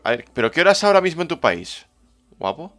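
A man's voice: a little high, very animated, fast talker, fairly bright tone, faint music behind. A man with a Spain Spanish accent streaming a game, chatting casually and greeting viewers from the chat by name. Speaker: livestreamer. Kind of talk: casual livestream chat, reading the chat.

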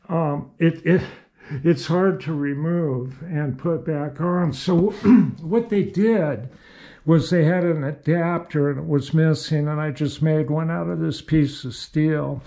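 An older man talks slowly through a workshop demonstration, his voice mellow and a little higher than most men's. He rambles in a folksy way, full of fillers and restarts. He is recorded indoors in a small, cluttered home machine shop. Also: gravelly.

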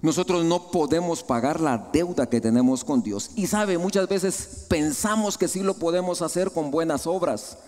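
A man with a Guatemalan Spanish accent preaching a sermon, rising high, then dropping to soft, low asides. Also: normal speed, hardly any pauses. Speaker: pastor. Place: large church hall. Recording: long hall reverb.

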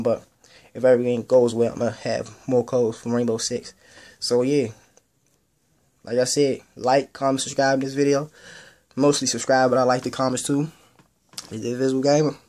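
Young man, gaming channel host, casual vlog, rambling, slangy, mid-pitched voice. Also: flat delivery, fairly quick, a little mellow. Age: young adult. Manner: rambling, repeats himself, loose slangy talk.

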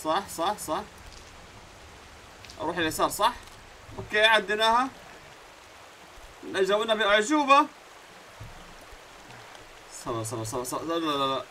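A man with a Levantine Arabic accent plays through a game and talks over it. His voice is very bright and a little high, and he jumps between muttering to himself and sudden outbursts at the screen. A faint hiss sits under the recording. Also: sing-song, moderate pace, long pauses, rough recording. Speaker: gaming YouTuber. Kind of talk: let's-play commentary.

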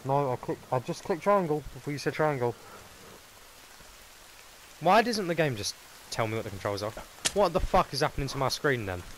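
A young man, chatting casually while playing a game, swearing a lot and breaking into excitable outbursts. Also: mid-range voice, moderate pace, pauses often, a little hiss or hum. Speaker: gaming host. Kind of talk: casual gameplay chat.

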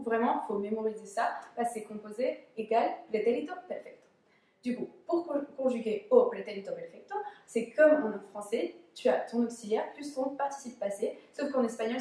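A woman's voice: fairly high pitch, dark tone. Casual young woman explaining grammar. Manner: casual, patient, with frequent hesitations. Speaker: language teacher. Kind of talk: explaining Spanish grammar in French.

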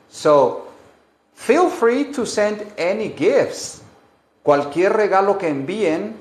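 A man teaching English to Spanish speakers on a live stream, slowly repeating phrases and drilling pronunciation. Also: on the high side, roomy sound.

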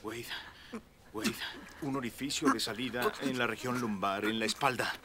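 A man's voice: mid-range voice, normal speed, a crowd in the background, lightly acted. An actor voicing a soldier giving urgent orders while treating a wounded man in a dubbed war film. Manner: urgent, commanding.

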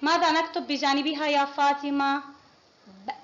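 Female kindergarten teacher, high voice, patient and encouraging, classroom recording with a dull muffled sound. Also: flat delivery, moderate pace, a bit bright. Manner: patient, praising, quizzing pupils one by one. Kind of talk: classroom phonics lesson. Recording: muffled lo-fi with faint noise.

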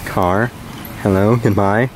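A man chatting casually on set, slow and drawn-out. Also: fairly low pitch, fairly even intonation, slight background noise. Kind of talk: casual chat. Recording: echoey, far from mic.

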